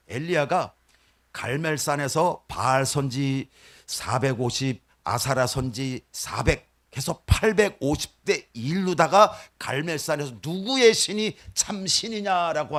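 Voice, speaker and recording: A man preaching as a missionary at a midweek prayer service, animated and asking the congregation questions. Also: on the high side, moderate pace. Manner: animated, acts out quoted voices, asks the congregation questions. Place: church sanctuary.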